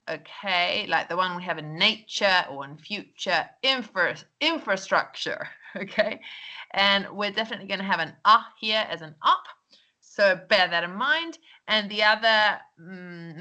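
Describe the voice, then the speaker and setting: A woman records feedback for her English class. Her voice is bright and crisp, and she keeps checking in with "okay?" and "um". She speaks into a computer mic while going over a screen. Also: medium pitch. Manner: chatty, lots of "um" and "okay?", laughs at herself. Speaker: English teacher.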